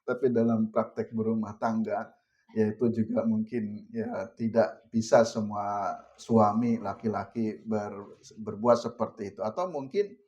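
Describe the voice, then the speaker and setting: A man's voice: lowish voice, a little slow, a little mellow. Chatty man preaching. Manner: chatty, addresses audience directly, laughs often, mixes Javanese words. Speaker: religious teacher. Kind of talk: informal religious lecture. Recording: muffled lo-fi recording.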